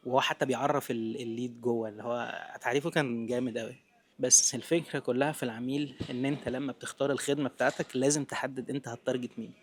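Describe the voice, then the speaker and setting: With a medium-pitched, steady voice, a young Egyptian man in his 20s delivers business advice on his vlog in very quick, unscripted talk. He speaks to the listener casually and directly, like a friend, and drops in English terms among his Egyptian.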